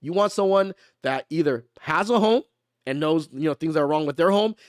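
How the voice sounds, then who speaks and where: A man's voice: on the high side, expressive, fairly quick, clean tone, no echo, studio quality. A man hosting a live stream, explaining things in a casual, slangy way and checking in with his listeners after every point. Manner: conversational, keeps asking "right?"; slangy and playful.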